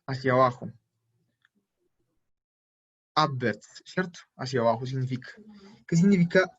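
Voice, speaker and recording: A man's voice: mid-range voice, lively intonation, measured pace, husky. A man teaching a German class, who patiently repeats each word pair and checks for questions. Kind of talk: live online class explanation. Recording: muffled lo-fi audio.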